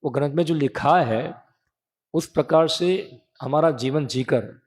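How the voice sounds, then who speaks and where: A man's voice: a little high, unhurried, in a large hall. A man in his thirties giving a conversational sermon, often asking his listeners a question and answering it himself. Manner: conversational, asks the audience questions and answers them. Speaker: preacher.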